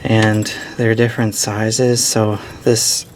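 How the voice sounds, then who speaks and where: Slow, flat-voiced man explaining a repair. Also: fairly low pitch, slight background noise. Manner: plain, explanatory, thinking aloud as he works. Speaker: DIY mechanic. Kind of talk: hands-on repair walkthrough. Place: working in a vehicle's engine bay.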